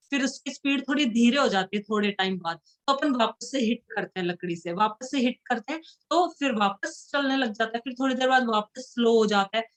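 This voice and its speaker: A woman teacher explaining a science lesson in Hindi, reading English sentences slowly and carefully. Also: on the high side, a bit bright. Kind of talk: classroom lesson.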